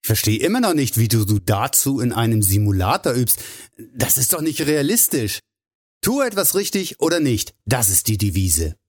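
A man voicing a calm, stocky male mechanic who teases his friend between laughs. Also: medium pitch, moderate pace, no room sound, studio quality. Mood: teasing. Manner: laughing, ribbing.

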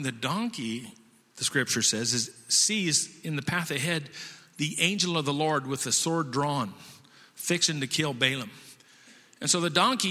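A man's voice: fairly high pitch, sharp tone. A man preaching a sermon in a folksy storytelling way with restarts, in a long-reverb hall. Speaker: pastor.

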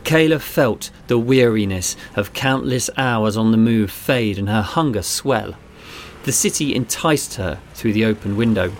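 A man reading a children's adventure story aloud in a measured storytelling delivery. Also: on the low side, animated, a little hiss or hum. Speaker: narrator. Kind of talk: scripted narration.

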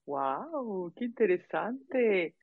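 A woman from Mexico with a Mexican accent interviews a guest and asks friendly, curious questions. She speaks slowly and clearly, at a middle pitch. Her voice comes through dull, lo-fi call audio. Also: very animated. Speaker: interviewer, host. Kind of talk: slow conversational interview for learners.

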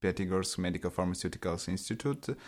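A young man from North Ossetia with a Russian accent, speaking haltingly in English as he searches for words in a casual interview. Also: low voice, animated, a little mellow. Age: young adult. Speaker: interview guest, dental student. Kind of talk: casual interview in a second language.

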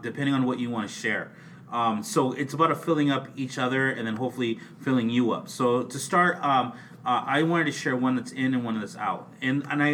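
A man's voice: medium pitch, a bit bright, distant mic. Rambling man talking a little off-mic. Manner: rambling, with frequent restarts. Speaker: podcast co-host. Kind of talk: casual podcast chat. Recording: off-mic with faint background hiss.

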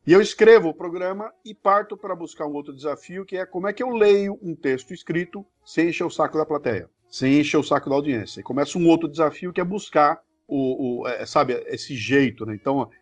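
A middle-aged man with a Brazilian Portuguese accent, a podcast creator telling his story in a casual, slangy, animated interview. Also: a little high, a little fast, hardly any pauses.

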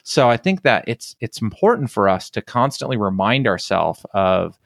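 A man's voice: fairly low pitch, very animated, normal speed, creaky, dry recording. Chatty man hosting, dry sound. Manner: chatty, leans on 'like' and 'right?'. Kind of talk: casual conversational interview.

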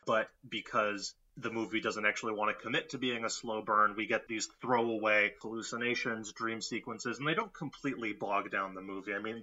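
A man co-hosting a horror film podcast in casual chat, wry and quick to laugh. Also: on the low side, sharp tone, dull audio. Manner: wry, laughs often, puts on mock voices. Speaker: podcast co-host.

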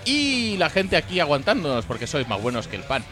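A man's voice: a little high, wildly swooping pitch, a little fast, pushed and bright, soft background music. A man co-hosting a podcast, teasing his partner and swearing casually. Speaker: podcast co-host.

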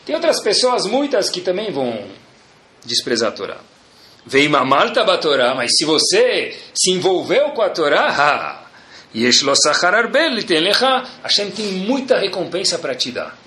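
A man's voice: sits high, very animated, normal speed, sharp tone, slight background noise. A man with a Brazilian Portuguese accent giving a religious lecture as a rabbi, emphatic and colloquial, asking rhetorical questions and repeating key phrases. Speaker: rabbi giving a Torah class. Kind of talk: religious lecture, sermon with storytelling.

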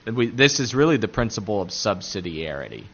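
A man with an Appalachian accent giving a religious lecture point by point, haltingly searching for words. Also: fairly low pitch, sing-song, vocal fry, lo-fi sound. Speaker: catechism teacher.

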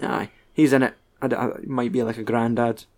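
A man's voice: medium pitch, little pitch movement, fairly quick, darkish tone. A Scottish man co-hosting a casual film podcast, rambling and joking with some swearing. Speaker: podcast co-host.

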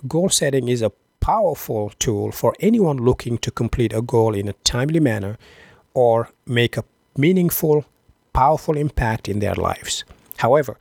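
A man hosting a podcast, giving a scripted motivational talk with deliberate phrasing and rhetorical questions. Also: medium pitch, lively intonation, creaky, no room sound, studio quality. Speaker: podcast host.

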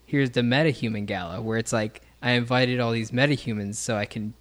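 A man's voice: mid-range voice, brisk. A man co-hosting a podcast in casual chat, rambling with many fillers and restarts. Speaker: podcast co-host.

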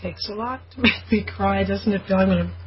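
A woman's voice: mid-range voice, fairly quick, husky, highs cut off. Chatty woman in her forties reading letters. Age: 40s. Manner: chatty, reads letters aloud with fillers. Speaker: co-host reading listener questions. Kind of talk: casual on-air chat.

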